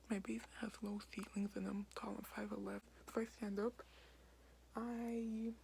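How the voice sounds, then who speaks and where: A young woman vlogging in a hushed whisper late at night in a basement, filling her talk with "like" and "um". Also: medium pitch, creaky, slight background noise, poor audio. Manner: whispering quietly, many fillers like "like". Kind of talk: casual whispered vlog.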